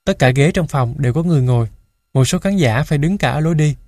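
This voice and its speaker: A man reading a first-person children's story aloud in a steady, measured way into a close mic. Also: a little high, dry recording. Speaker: audiobook narrator.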